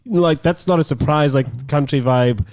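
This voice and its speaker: A man's voice: mid-range voice, moderate pace, a little mellow, no echo. A man with an Australian accent co-hosting a casual interview, laid-back and laughing along. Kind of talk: casual chat.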